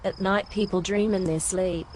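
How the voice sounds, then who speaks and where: A woman with an Australian accent reading an English vocabulary lesson in a clear, careful way. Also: mid-range voice, fairly even intonation, moderate pace, darkish tone, slight background noise. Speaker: English teacher.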